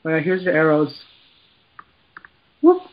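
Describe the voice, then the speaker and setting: A man chatting casually while playing a game with friends, excitable and quick with tips. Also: on the high side. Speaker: gamer. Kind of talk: casual gaming chat. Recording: dull lo-fi game mic.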